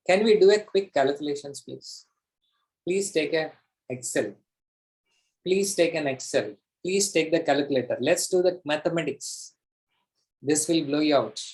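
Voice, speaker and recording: Speaking a bit high and a little mellow, an Indian-accented man coaches a live online class in mixed English and Hindi. He's pushy and emphatic, repeating phrases for effect, and the audio is poor.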